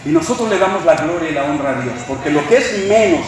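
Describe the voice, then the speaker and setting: A man preaching a sermon as pastor, impassioned, slowing down to stress his points. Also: fairly high pitch, animated, over music. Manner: impassioned preaching, slows for emphasis. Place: church sanctuary. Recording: echoey room, preacher far from mic.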